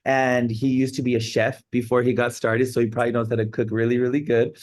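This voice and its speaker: A man's voice: mid-range voice, little pitch movement, a little fast, darkish tone. A man hosting a video call, introducing a guest speaker in a hyped-up way and tagging lines with "right?" and "guys". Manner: keeps saying "guys" and "right?". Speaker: host. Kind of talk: hype introduction.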